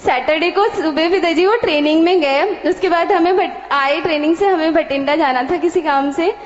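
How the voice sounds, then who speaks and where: A woman telling a personal testimony to a spiritual leader, animated, acting out many quoted exchanges. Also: very high voice, moderate pace. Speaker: devotee sharing a testimony. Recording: dull, echoey hall sound.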